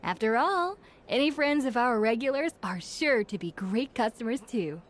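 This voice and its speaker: A woman's voice: fairly high pitch, lively intonation, moderate pace, lightly acted. A woman playing a cheeky, genial young tavern keeper in a video game, chatty and polite. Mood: teasing, cheerful. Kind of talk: animated video game acting. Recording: music behind the voice.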